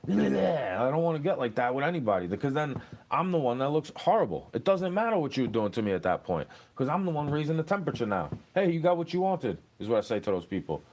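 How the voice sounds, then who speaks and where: A man's voice: mid-range voice, very animated, quick pace, a little mellow. A young man, rambling and cursing as he answers questions in a street interview. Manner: rambling, profane, aggrieved.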